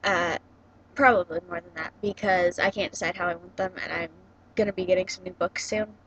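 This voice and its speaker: A young woman book vlogger chats casually about books at home, her lowish, steady voice brisk, a bit bright and slightly rough. She sounds hesitant, filling her talk with ums and likes. The audio comes through a laptop's built-in webcam mic and sounds dull and lo-fi.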